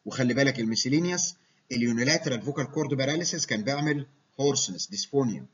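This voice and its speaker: A man's voice: medium pitch, lively intonation, racing, breathy edge. A man with an Egyptian accent giving a medical lecture, explaining terms and checking in with his listeners. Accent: Egyptian Arabic. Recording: dull lo-fi recording.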